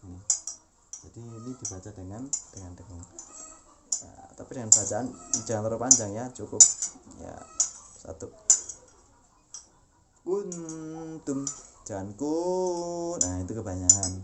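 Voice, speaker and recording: A man's voice: fairly low pitch, brisk, pauses often. Man teaching Quran recitation, noisy recording. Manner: patient, repetitive explanation with chanted recitation examples. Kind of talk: tajwid lesson.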